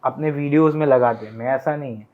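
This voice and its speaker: A man's voice: medium pitch, quick pace, a loud crowd. A young man chatting as a podcast guest, telling stories and acting out family dialogue. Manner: animated retelling that acts out family dialogue. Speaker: podcast guest, content creator. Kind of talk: casual storytelling chat. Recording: tinny phone-like sound.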